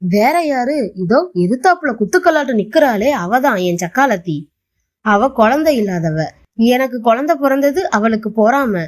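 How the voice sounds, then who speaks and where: A woman's voice: fairly high pitch, lively intonation, normal speed, lightly acted. A woman voicing a grieving, spiteful young second wife who shrilly accuses her rival in colloquial speech. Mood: accusing.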